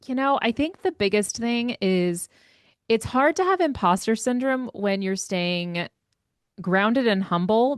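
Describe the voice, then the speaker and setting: A woman's voice: mid-range voice, no room sound, studio quality. A woman educator and author talking casually in an interview, chatty and self-deprecating, often laughing at herself.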